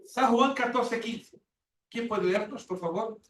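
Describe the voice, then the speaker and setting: A man's voice: very high voice, slow, a bit bright. A man in his sixties teaching a Bible class in sermon style, emphatic and repetitive, acting out quoted prayers. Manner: emphatic, repeats words, acts out quoted prayers. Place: church classroom. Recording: echoey room from far off with faint hiss.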